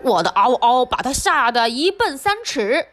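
Storybook: woman voicing swaggering lion, slow, drawn-out bragging. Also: very animated, soft background music. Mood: boastful. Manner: slow, lowered boasting voice. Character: boastful proud male lion. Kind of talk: storybook reading.

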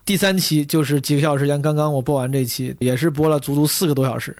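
Male podcast host, slightly higher-pitched but hoarse and gravelly, chatting directly to listeners in a dry-sounding space. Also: steady tone, quick pace, darkish tone, no echo. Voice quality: gravelly, husky. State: hoarse, tired voice from hours of talking. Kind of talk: casual podcast monologue.

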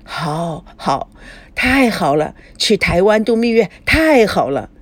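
A reader voicing a frail, fond grandmother in her later years, speaking weakly and haltingly in a storybook drama. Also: medium pitch, very animated, no room sound. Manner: weak, halting speech.

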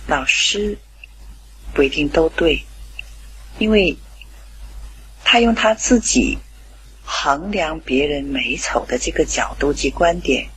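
A middle-aged woman telling a family anecdote, lively and quoting the dialogue in character. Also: deep voice, slow pace, long pauses, slight background noise, low-quality recording. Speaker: parent. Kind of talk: storytelling anecdote.

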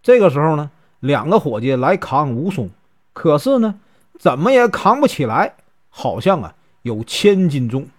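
Male storyteller, Northeastern Mandarin accent, chatty and animated. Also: a little high. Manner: chatty, with many drawn-out fillers. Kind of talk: casual storytelling.

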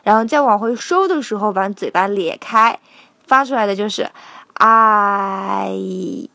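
A woman teaching a song line by line, patiently explaining pronunciation and slowly singing out each sound. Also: fairly high pitch, animated, fairly bright tone, no echo.

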